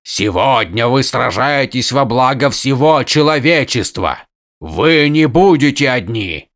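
A man's voice: a little high, lively intonation, very slow, bright, forceful tone, smooth, dry recording, clean studio sound, exaggerated voice. A man voicing a stern aging warlord who addresses his troops in a commanding, declamatory way. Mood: rousing.

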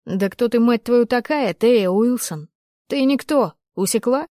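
A woman's voice: medium pitch, brisk, darkish tone, dry recording, clean studio sound, natural voice. A woman voicing a drunk, possessive young man who speaks harshly with false tenderness, in an audiobook reading. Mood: furious.

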